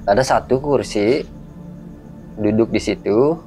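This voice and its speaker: A man's voice: lowish voice, slow pace, soft background music. A man telling a personal story in casual speech, acting out the dialogue as he goes. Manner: vivid, animated retelling with quoted dialogue.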